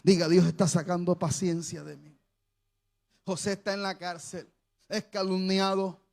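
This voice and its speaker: A man preaching a sermon as pastor, calling on the congregation to repeat after him and breaking into shouted bursts. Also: sits high, level tone, measured pace, vocal fry. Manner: preaching with sudden shouted bursts and call-and-response.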